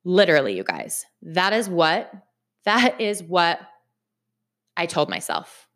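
Chatty, animated woman. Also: fairly low pitch, slow pace. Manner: animated, chatty, repeats phrases for emphasis. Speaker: vlogger. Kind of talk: casual motivational talk to camera.

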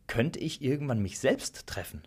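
A man reading the questions of a newly dead, curious and doubting man in a spoken story, with a husky voice. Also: medium pitch, lively intonation, normal speed, darkish tone. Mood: questioning.

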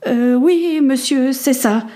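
A woman's voice: sits high, slow pace, mellow, pitched above the performer's own voice. A woman voicing a frightened young cabin boy who stammers and pleads. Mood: timid.

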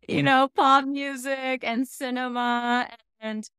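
An American podcast host from the United States speaks in a high, level, fairly bright voice, taking her time. Her casual interview chat is chatty and reflective, full of fillers and light laughter.

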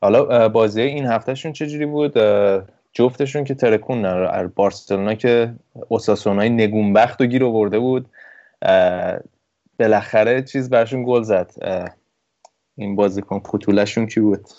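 Man, lowish voice, joking football chat, asks questions, dry muffled lo-fi sound. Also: warm tone. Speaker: football podcast co-host.

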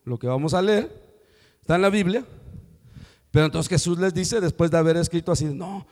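A man preaching a sermon, telling stories and acting out dialogue with lively questions to the congregation. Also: a little high, a little fast. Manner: animated storytelling, acting out dialogue. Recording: long hall reverb.

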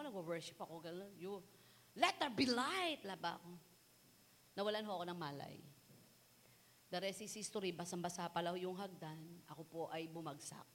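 A woman preaching a sermon. She mixes Tagalog and English and moves from a quiet personal story to loud, fervent exhortation. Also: fairly low pitch, big-room sound, a little hiss or hum. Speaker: pastor's wife preaching.

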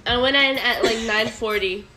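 A woman's voice: a little high, normal speed, bright, forceful tone, faint music behind, rough recording. A young woman co-hosting a podcast, telling stories in casual chat, giggly and often breaking into playful singing. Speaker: podcast co-host.

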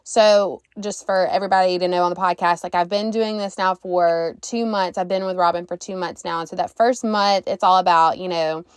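Woman podcast host, casual and animated, slight cough, dry close sound. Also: lowish voice, a little fast, few pauses, smooth, no echo. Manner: chatty, animated, acts out quotes. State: recovering from a cough.

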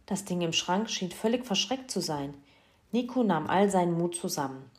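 A woman reading a children's story aloud in a lively, expressive way. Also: lowish voice, normal speed.

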